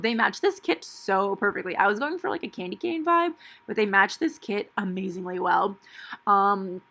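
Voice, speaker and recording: Young woman rambling about her week, super chatty w/ tons of "like", kinda crisp bright sound. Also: fairly high pitch. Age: young adult. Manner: chatty, filler-heavy with lots of "like". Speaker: planner vlogger. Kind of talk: casual voice-over chat.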